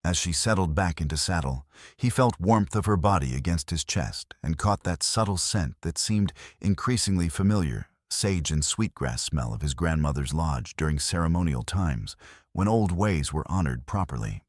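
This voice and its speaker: Very deep man narrating a western. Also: animated, normal speed, dry recording, clean studio sound. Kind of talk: scripted story narration.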